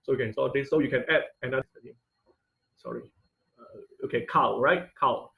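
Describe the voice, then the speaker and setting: A man with a mid-range, bright voice and some vocal fry teaches a live online coding tutorial at a moderate pace, with a forceful tone. He often stops mid-sentence to rephrase, speaking through a computer mic on the class call.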